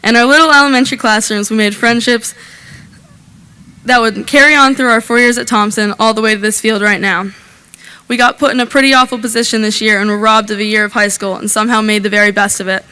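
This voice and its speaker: A woman's voice: a little high, steady tone, fast, bright, forceful tone, clear, resonant tone. A young woman, senior class president, giving an upbeat and proud speech into a podium microphone at an outdoor graduation. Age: young adult. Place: outdoor graduation on a school field.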